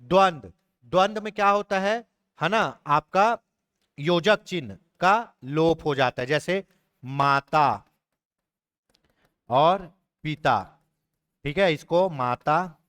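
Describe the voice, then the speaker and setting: A man's voice: a little high, expressive, fairly bright tone, no echo. A young man, teaching an exam prep lesson and patiently spelling words out letter by letter. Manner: explains patiently, spells words out slowly, checks in with "ठीक है".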